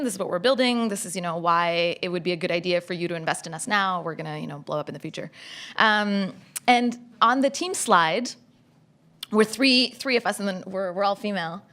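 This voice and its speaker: A young woman raised in Saudi Arabia, speaking as a founder on a stage panel into a table mic, animated and quoting others. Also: mid-range voice. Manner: animated, gesturing, quotes others in lively voices. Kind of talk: panel discussion. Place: stage at a panel event, indoors. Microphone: table mic on a stand.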